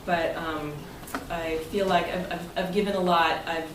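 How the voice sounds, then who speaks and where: Hosting the meeting as club president, this American woman jokes around and chuckles in an informal talk, some of it read from a prepared script. Her voice sits lowish, with little pitch movement and an unhurried delivery. Sound comes from a distant mic in an echoey, noisy indoor club room.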